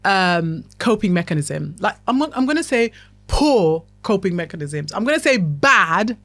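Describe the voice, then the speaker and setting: Woman podcast host, chatty motivational talk, mid-pitched voice, dry close sound. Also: very animated, unhurried, fairly bright tone, no echo, faint music behind. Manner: chatty, self-described chatterbox, keeps checking in with "okay?". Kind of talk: motivational self-help talk.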